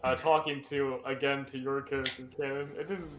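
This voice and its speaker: A man's voice: mid-range voice, flat delivery, music in the background. A young man talking hesitantly with his game group, stopping and restarting as he explains. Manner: hesitant, apologetic, halting. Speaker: tabletop game player. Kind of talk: casual chat.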